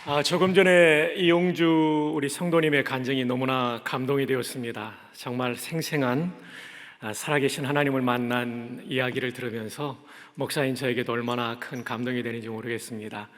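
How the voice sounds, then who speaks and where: A male guest pastor from Daejeon preaching in a warm, conversational way. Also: medium pitch, steady tone, normal speed. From Daejeon, South Korea. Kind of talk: sermon. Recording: echoey church sanctuary.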